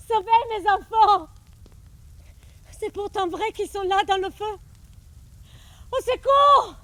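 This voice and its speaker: A woman's voice: very high voice, a bit bright, heavily acted. Frantic screaming mother. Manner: screaming, desperate pleading. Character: frantic peasant mother screaming for her children. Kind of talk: outdoor stage acting. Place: outdoors.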